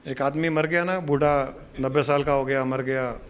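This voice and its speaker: A man's voice: mid-range voice, fairly even intonation, moderate pace. A man speaking as a spiritual guru, giving a casual devotional talk with a folksy, joking storytelling manner.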